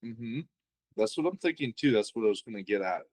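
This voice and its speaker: A man's voice: mid-range voice, expressive, brisk, darkish tone, poor audio. A man commentating on a card game match, thinking aloud and asking analytical questions about the plays.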